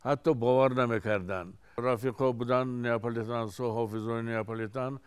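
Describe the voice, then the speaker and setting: A Tajik-accented man in his seventies, a singer from Tajikistan, telling stories in an unhurried way with frequent restarts during an interview. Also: medium pitch, fairly even intonation, clear, resonant tone. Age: 70s.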